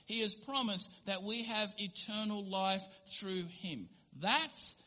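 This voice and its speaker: Bright-voiced male pastor preaching in a reverberant hall. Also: sits high. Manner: earnest, acts out little scenes in voices. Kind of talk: sermon.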